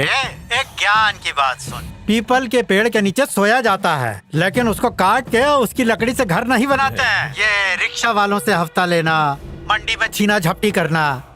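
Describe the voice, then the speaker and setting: A sneering gang boss. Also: male voice, high voice, bright, forceful tone, full character voice. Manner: taunting, slow and sneering, with drawn-out menace. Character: mocking, boastful male gang boss. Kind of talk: dubbed film dialogue. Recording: film soundtrack with faint music.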